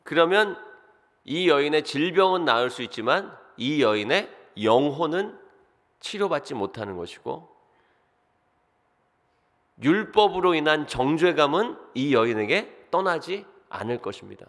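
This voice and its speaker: A middle-aged man preaching a sermon as pastor, asking the congregation questions and swinging from loud exclamations to quiet asides. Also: a little high, unhurried. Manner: animated, rhetorical questions to the congregation. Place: church sanctuary. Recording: long reverb of a church hall.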